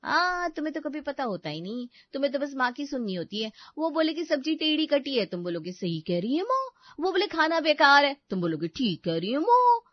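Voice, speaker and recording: A woman voicing an overworked young wife in an animated family story, complaining and sarcastic. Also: high-pitched, a little fast, no echo. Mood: indignant. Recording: dry, slightly dull studio recording.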